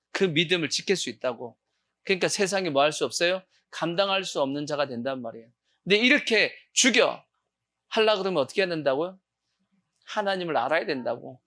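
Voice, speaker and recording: Male pastor, fairly high voice, preaching in a call-and-response style with sudden loud shouts. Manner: call-and-response questioning of the congregation; bursts into loud acted shouts. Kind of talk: sermon. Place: church sanctuary.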